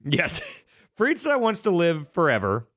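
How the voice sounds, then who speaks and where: A male podcast co-host with a slightly higher voice and a very lively, bouncing pitch. He chats eagerly and casually and swears freely. The recording is dry and close. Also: measured pace, no room sound. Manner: animated, chatty, casual swearing. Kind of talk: casual chat recapping a cartoon.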